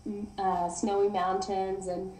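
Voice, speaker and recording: Woman, New Zealand accent, podcast guest, warm mellow tone, friendly rambling chat, echoey room. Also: medium pitch, level tone, slow, a little hiss or hum. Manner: friendly, rambling, laughs easily. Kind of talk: casual interview chat.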